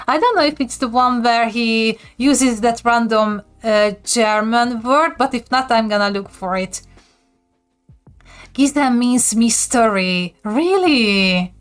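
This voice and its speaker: Casting note: relaxed woman streamer, slow easy talk, giggly, soft music underneath. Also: a little high. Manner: giggly, reacts to a video. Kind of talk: casual live-stream chat.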